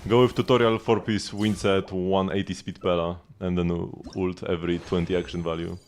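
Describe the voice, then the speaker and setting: This low, level-toned man speaks at a normal speed with a slightly mellow quality, and there's a bit of hiss or hum in the recording. Music plays behind him as he streams a game, offering loose commentary and chatting with viewers.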